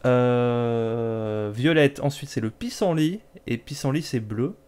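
A man's voice: medium pitch, slow, a little mellow, smooth. A man giving casual, joking commentary while playing a video game, talking back to it sarcastically. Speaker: let's play host.

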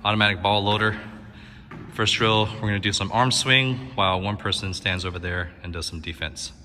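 A man's voice: on the low side, normal speed, sharp tone, long reverb tail, slight background noise. A man in his thirties chatting casually as a vlogging sports coach, recorded on a phone inside a gym. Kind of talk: casual vlog chat. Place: indoors at a gym. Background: music.

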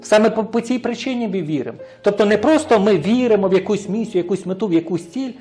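A male preacher with a high-pitched voice delivers a sermon, putting rhetorical questions to his listeners and checking in with a quick "right?". Soft music plays faintly behind him. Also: lively intonation. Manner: frequent rhetorical questions to the congregation; tags sentences with a questioning "right?".

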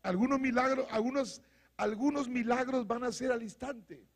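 A male preacher with a strikingly high, gravelly voice that climbs into shouts. He calls out to his congregation in a fiery sermon. The sound rings with the long reverb of a church hall. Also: steady tone, normal speed. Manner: preaching with rising shouts and congregational call-and-response. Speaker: pastor.

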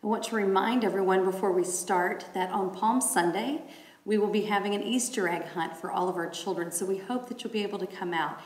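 A middle-aged woman leading a church devotion and reading scripture with measured, deliberate phrasing. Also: medium pitch. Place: large wood-panelled room indoors. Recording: echoey indoor room.

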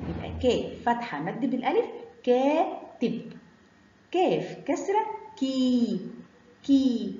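A woman with an Egyptian accent teaching children Arabic letters, sounding them out in a sing-song, drawn-out way. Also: fairly high pitch, mellow, a little hiss or hum. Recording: roomy, slightly dull recording.

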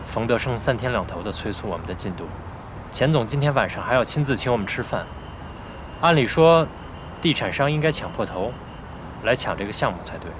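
An actor playing a cautious young assistant who speaks politely and probingly. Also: male voice, mid-range voice, noisy background, close to an everyday voice. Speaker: executive assistant.

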